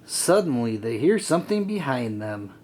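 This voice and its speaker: A storybook narrator reading aloud for children in an expressive, deliberate way. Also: medium pitch, slight background noise.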